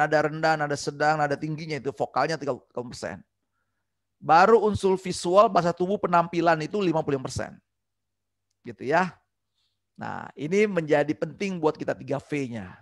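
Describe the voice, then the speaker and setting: A man giving an online business communication training, energetic and acting out customer replies. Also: fairly high pitch, no room sound, studio quality.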